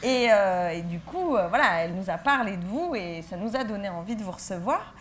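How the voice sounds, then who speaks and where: A woman's voice: mid-range voice, lively intonation, fairly quick, slight background noise. A woman hosting a web TV festival interview, friendly and hesitant, with many fillers.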